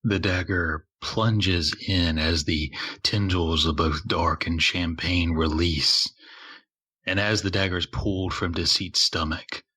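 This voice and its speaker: A man narrates a tabletop game as its game master in slow, measured descriptions. His voice is low and rough, with a sharp, bright edge. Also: steady tone.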